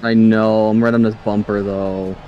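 A man's voice: lowish voice, muffled recording, a little hiss or hum. A man streaming a sim race and chatting casually with his teammates as he drives. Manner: quick, animated banter. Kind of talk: casual team chat while racing.

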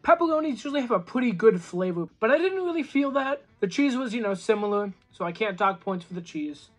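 A man's voice: sits high, animated, a little fast. Chatty young man reviewing food. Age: young adult. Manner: chatty, easygoing, lots of "you know". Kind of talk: casual food review vlog. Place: small room at home, seated at a table.

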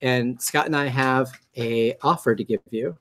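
A man hosting a meetup. His voice is high and nasal, and he talks in a chatty, joking way, restarting his sentences and filling pauses with ums. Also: fairly bright tone. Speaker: meetup host. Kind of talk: casual talk to a group.

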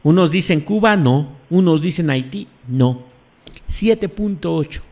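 A man's voice: a little high, expressive, measured pace, a little mellow. A man hosting live commentary on earthquakes, emphatic, repeating phrases and putting questions to his audience. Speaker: host.

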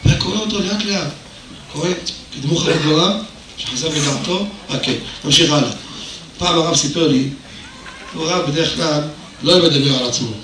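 Older rabbi lecturing in an echoey hall. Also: male voice, a little high. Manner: storytelling, acts out dialogue, rises to emphatic bursts. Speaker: rabbi giving a Torah lecture. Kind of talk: sermon with told anecdotes. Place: hall of a religious institution. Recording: very echoey hall, voice from far off, faint noise.

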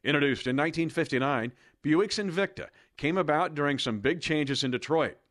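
A man's voice: a little high, fairly quick, fairly bright tone, dry recording, clean studio sound. A man reading an enthusiastic scripted promo voice-over in an announcer's delivery. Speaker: promo narrator.

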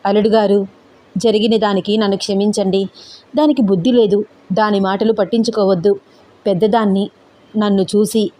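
A woman doing a sharp-tongued old grandmother. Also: mid-range voice, steady tone, moderate pace, pauses often, natural voice. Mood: pleading. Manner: scolding, threatening. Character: stern older grandmother, sharp-tongued matriarch. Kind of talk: audio story character voice.

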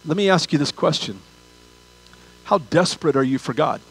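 An older pastor preaches a sermon on a large church auditorium stage, speaking conversationally and repeating phrases and rhetorical questions for emphasis. His voice is fairly high, animated and slightly rough, at normal speed, in a rough recording.

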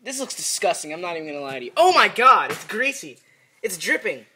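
A young man chatting and teasing his friends in a lively, bouncing voice. His words come through over clear background noise in a home video. He laughs a lot between lines. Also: high voice, fast. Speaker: friend filming. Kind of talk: casual chat.

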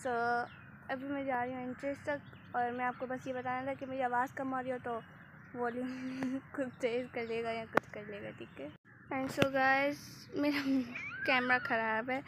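A woman with a hoarse throat, chatting casually on a walking vlog in a park. She mixes English words into her talk and sounds a little shy. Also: sits high, little pitch movement, moderate pace. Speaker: vlogger. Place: outdoor city park. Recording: noisy outdoor phone recording. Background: open-air park ambience.

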